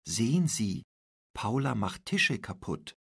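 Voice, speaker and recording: Male reader voicing a flustered, indignant schoolgirl; slightly raised, gravelly, husky tone. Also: lowish voice, sing-song, takes it slowly, fairly bright tone, dry recording, clean studio sound, heavily acted. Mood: sarcastic. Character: upset teenage schoolgirl.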